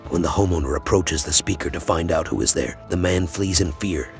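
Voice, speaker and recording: A man's voice: low voice, fairly quick, creaky, loud music behind the voice. A man reading scripted narration for a compilation of crime clips.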